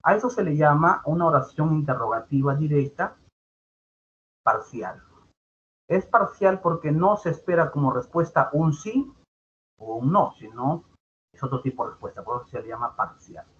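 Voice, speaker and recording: A man's voice: on the high side, lively intonation, normal speed, a bit bright. A male teacher giving an online grammar lesson, explaining patiently and repeating his points with tag questions. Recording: dull lo-fi sound with faint background noise.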